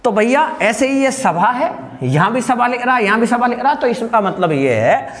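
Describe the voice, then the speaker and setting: A man teaching a lively class, asking questions and answering them himself, joking with the students and raising his voice to stress points. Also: extremely high pitch, normal speed. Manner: shouts at times to stress a point.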